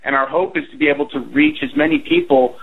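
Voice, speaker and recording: A man's voice: on the high side, wildly swooping pitch, fast talker, vocal fry, husky. A man in his forties, a band's drummer, talking earnestly with lots of fillers as a guest on a radio interview. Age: 40s. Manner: rambling, earnest, with many fillers. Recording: tinny phone line.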